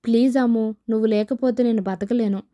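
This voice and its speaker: A woman's voice: fairly high pitch, fairly even intonation, brisk, mellow, close to an everyday voice. A woman voicing a spurned young man who talks in a pleading, sarcastic way. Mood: bitter.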